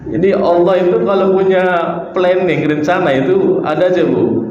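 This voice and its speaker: A man giving a sermon, telling a story lively and acting out the characters' dialogue. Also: high-pitched, unhurried, a little hiss or hum. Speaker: preacher. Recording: echoey hall, dull lo-fi sound.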